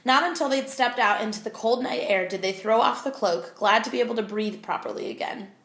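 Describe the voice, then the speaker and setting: A woman reading a children's novel aloud, with expressive, clear storytelling. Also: fairly high pitch, brisk, echoey room. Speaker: audiobook reader.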